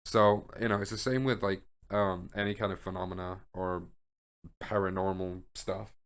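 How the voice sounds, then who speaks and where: A man with a fairly low voice chats casually on a podcast, thinking out loud. He rambles and circles back, restarting sentences and padding them with "like" and "um". The talk is loose and unscripted. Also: flat delivery, normal speed. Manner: rambling, speculative, many restarts and filler words. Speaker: podcast host. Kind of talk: casual chat.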